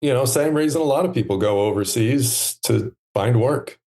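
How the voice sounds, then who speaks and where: A man in his thirties, a podcast guest talking in a relaxed, reflective way with many pauses and fillers. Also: medium pitch. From United States. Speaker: podcast guest, stand maker. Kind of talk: relaxed conversational interview.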